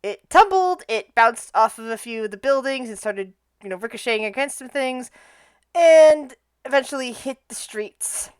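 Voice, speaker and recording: High-voiced woman running a tabletop game. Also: expressive, clear, resonant tone, no room sound. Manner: halting, repeats words as she improvises. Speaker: game master. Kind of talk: improvised tabletop game narration.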